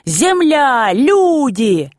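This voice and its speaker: A woman voicing a gruff, excitable old grandfather in a storybook reading. He shouts, teases and banters in rough folk speech. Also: mid-range voice, measured pace, no echo, studio quality. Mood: fierce shouting.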